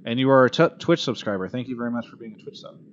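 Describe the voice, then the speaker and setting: Speaking very fast in a mid-range voice, a man hosts an esports call-in show in casual live talk. He's blunt, swears some and gets exasperated, and the dull, lo-fi recording has clear background noise.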